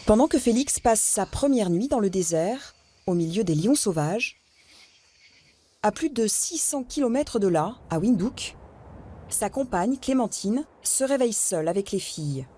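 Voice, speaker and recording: A woman narrating a documentary report in a scripted, even and measured way. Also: medium pitch. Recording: crowd and noise in the background.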